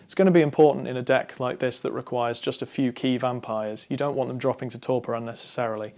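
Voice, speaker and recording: A young man in his twenties talks straight to camera in a scripted explainer, walking through card game strategy. His delivery is measured and instructive. His voice sits at an ordinary mid pitch. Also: steady tone, mellow. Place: studio against a dark backdrop.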